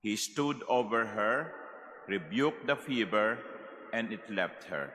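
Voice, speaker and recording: Echoing cathedral reverb, male Filipino priest, bright forceful voice, solemn measured liturgical delivery. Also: on the low side. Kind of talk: liturgical Gospel reading and address to congregation. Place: large cathedral. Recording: echoing cathedral, long reverb, background noise.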